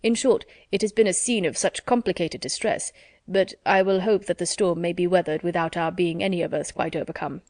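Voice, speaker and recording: Pompous middle-aged gentleman, read by a woman, measured, formal, lowish voice. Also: fairly even intonation, dry recording, studio quality. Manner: measured, formal storybook reading.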